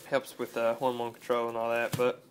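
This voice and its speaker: A man's voice: mid-range voice, completely flat delivery, moderate pace, a little hiss or hum. A nineteen-year-old man casually vlogging at home into a phone camera, rambling with lots of fillers. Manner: laid-back, rambling with many "uh" fillers. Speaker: fitness vlogger. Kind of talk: casual vlog. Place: home room, indoors. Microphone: phone camera close up.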